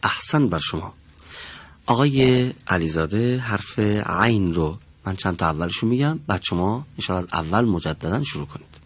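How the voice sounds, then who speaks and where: A middle-aged man teaching a pronunciation lesson in a studio, speaking slowly, formally and deliberately. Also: low voice, lively intonation, slightly rough, dry recording.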